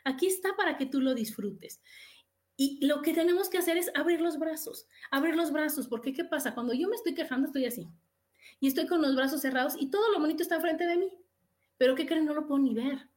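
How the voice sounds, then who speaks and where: A middle-aged woman with a Mexican accent, hosting a motivational podcast. Her voice sits high, and she talks in a lively, expressive way. She acts out little quoted exclamations as she goes. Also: fairly quick. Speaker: podcast host.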